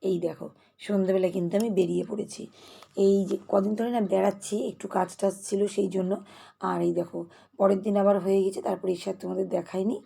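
A woman's voice: medium pitch, flat delivery, vocal fry, dark tone, slightly rough. A woman vlogging casually at home about her chores, chatty and restless. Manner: fast, chatty, restless talker. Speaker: lifestyle vlogger. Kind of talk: casual vlog narration. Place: home kitchen.

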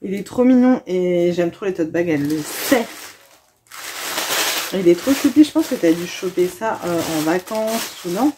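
A woman's voice: on the low side, lively intonation, measured pace, background noise. A young woman, gushing and chatting casually as she unboxes a gift box for her viewers.

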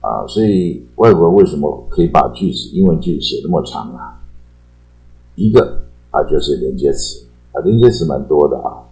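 A man giving a casual, chatty English vocabulary lesson. He repeats key words and ends his phrases with a drawn-out particle. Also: rumbling low, animated, mellow, poor audio. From Taiwan. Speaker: English teacher. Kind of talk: casual explanatory lecture.

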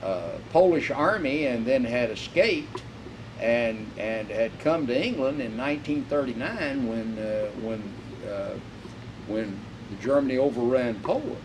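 A man's voice: mid-range voice, lively intonation, a little slow. A man who restored and flies a warplane, talking casually, swearing freely and rambling with fillers, recorded in a hangar. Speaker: warbird restorer and pilot. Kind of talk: casual conversation. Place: aircraft hangar. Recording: distant mic with background noise.

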